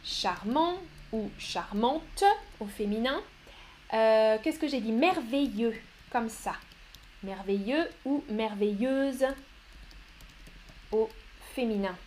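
A woman's voice: fairly high pitch, takes it slowly, long pauses, a little mellow, a little hiss or hum. A young woman teaching a live online vocabulary lesson, reading out students' chat answers and explaining them. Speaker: French teacher.

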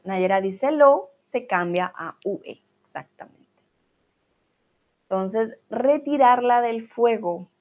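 A woman's voice: mid-range voice, darkish tone, lo-fi sound. A woman teaching a live online grammar lesson, patiently reading out student comments and correcting them. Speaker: Spanish teacher.

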